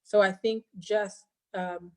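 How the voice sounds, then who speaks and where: A woman's voice: mid-range voice, fairly even intonation, takes it slowly, a little mellow. Earnest woman guest on a video call. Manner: heartfelt, earnest, reflective. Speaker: guest filmmaker and teacher. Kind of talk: casual interview chat.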